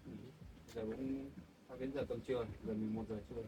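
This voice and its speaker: A man's voice: mid-range voice, little pitch movement, distant mic, background noise. A man talking caringly to his wife and her mother in a casual family chat, coaxing them to rest. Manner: caring, coaxing, fast talk. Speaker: husband and son-in-law. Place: rural home.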